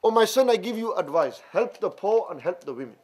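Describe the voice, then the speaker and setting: Brief: preacher doing a sorrowful holy father, high male voice, pleading. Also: sing-song, brisk, darkish tone, slightly rough, exaggerated voice. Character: grieving holy man, father of the slain.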